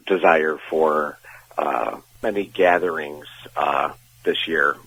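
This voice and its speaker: Very deep-voiced, husky man with halting speech. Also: fairly even intonation, fairly bright tone, poor audio. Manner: halting, many "uh" pauses. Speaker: guest co-host. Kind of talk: casual interview chat.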